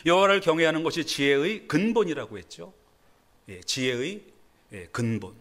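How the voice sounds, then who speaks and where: A middle-aged man gives a Sunday sermon as a pastor in a church, in a fairly high, very lively voice. His delivery is chatty and self-deprecating, and it jumps up when he stresses a point. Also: moderate pace. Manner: conversational preaching with self-deprecating laughs and sudden emphatic rises. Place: church sanctuary.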